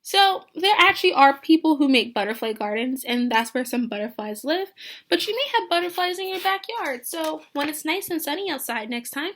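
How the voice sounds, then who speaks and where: Her voice sitting high and her speed normal, a woman teacher gives an animated picture-book reading to young children, pausing often to ask them questions directly.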